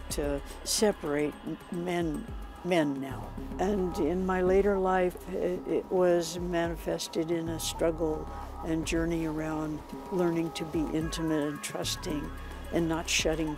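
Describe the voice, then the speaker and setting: Older woman speaking slowly and haltingly. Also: deep voice. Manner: slow, halting, with restarts. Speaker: interviewee, abuse survivor. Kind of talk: interview answer. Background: music bed.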